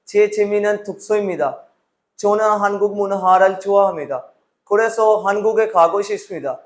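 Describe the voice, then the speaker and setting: With a high-pitched voice and moderate pace, a young Pakistani man in his early twenties, not a native Korean speaker, runs through memorized, formal replies for his upcoming work-visa interview, his Pakistani accent audible.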